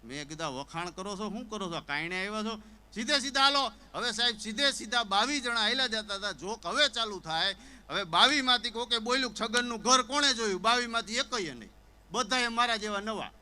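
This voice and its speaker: Fairly quick and high-pitched, a stand-up comedian spins a Gujarati folk comedy tale on stage, animatedly voicing characters who stammer and sob. The audio quality is poor.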